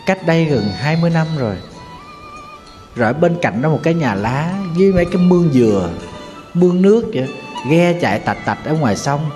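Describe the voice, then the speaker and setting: A Buddhist monk with a Southern Vietnamese accent, giving a sorrowful storytelling sermon and now and then chanting folk verses. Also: male voice, a little high, expressive, a little fast, darkish tone. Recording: long hall reverb with faint music.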